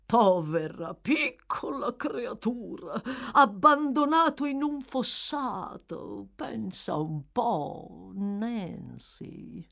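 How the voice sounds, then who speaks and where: A woman reads a greedy old fence in a storybook, his talk slick and coaxing until his temper snaps. His voice swoops up and down with a lively, uneven pitch. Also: extremely slow, gravelly, heavily acted. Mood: wheedling. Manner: oily and coaxing, then snarling in rage. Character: scheming old male fence, wheedling then furious.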